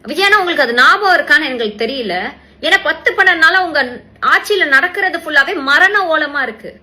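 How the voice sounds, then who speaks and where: A woman's voice: sits high, animated, fairly quick, bright, forceful tone. A woman, giving an indignant political rant full of rhetorical questions in a social media video.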